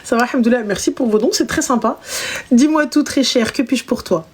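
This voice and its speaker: A woman's voice: fairly high pitch, brisk, a little hiss or hum. A young woman hosting a casual live stream, chatting with callers in a slangy, teasing, big-sister way. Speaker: live stream host giving advice.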